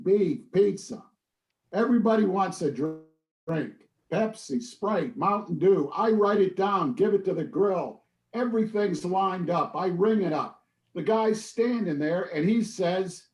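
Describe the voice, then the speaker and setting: A man reads his poetry in a fairly high voice, taking it slow and blunt. The room around him is echoey. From Philadelphia. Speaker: poet reading his work. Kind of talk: spoken word reading.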